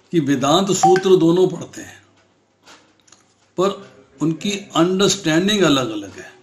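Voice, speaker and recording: A man's voice: fairly high pitch, echoey room. A man teaching a scripture class, explaining with simple examples, questioning his students and mixing English words into Hindi. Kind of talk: scripture lesson.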